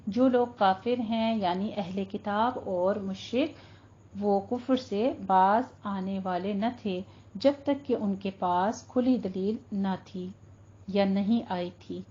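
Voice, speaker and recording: A woman teaching Quran recitation rules, patiently explaining and drawing recited words out slowly. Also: medium pitch, mellow, lo-fi sound. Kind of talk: tajweed lesson with slow recitation.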